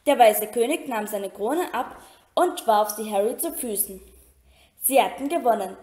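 A woman reading a children's novel aloud in a steady storytelling manner, with occasional slips and restarts. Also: high voice. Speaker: reader. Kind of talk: amateur audiobook reading. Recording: roomy echo.

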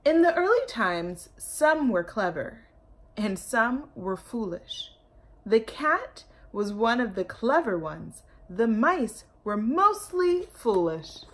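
In an indoor room at home, a young woman reads a children's story aloud carefully, like a teacher, adding asides to her young listeners. Her voice is medium in pitch with a breathy edge.

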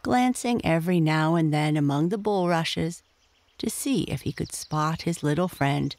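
A bedtime storyteller who reads at a very slow, unhurried pace. The delivery stays gentle and even, meant to settle children for sleep. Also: medium pitch.

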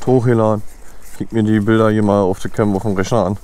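A man's voice: on the low side, level tone, fast. A man chatting casually to viewers in a slangy, offhand way, thinking aloud as a motovlogger outdoors. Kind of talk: casual vlog chat while riding. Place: outdoors on a moped on country roads. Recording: loud engine and wind noise.

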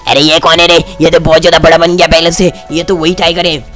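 A man doing a rude, shouting wolf thug. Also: medium pitch, fairly even intonation, moderate pace, soft background music, close to an everyday voice. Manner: shouting, threatening. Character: bullying male wolf thug, gruff and rude.

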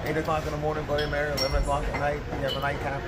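A man's voice: fairly high pitch, monotone, very fast, heavy background noise. A male cruise passenger giving blunt, candid opinions in casual chat, often restarting his sentences. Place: aboard a cruise ship. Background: loud music.

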